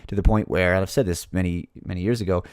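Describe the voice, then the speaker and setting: A man's voice: deep voice, fairly even intonation, quick pace, clear, resonant tone, no echo, studio quality. A man giving a monologue commentary, reading out an article and mocking his opponents in sarcastic put-on voices.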